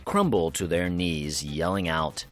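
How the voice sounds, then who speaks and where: A man's voice: low voice, a little slow, noisy background. A man hosting a theater news podcast, reading the week's items in an upbeat, promotional way and often saying "of course.". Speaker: podcast host.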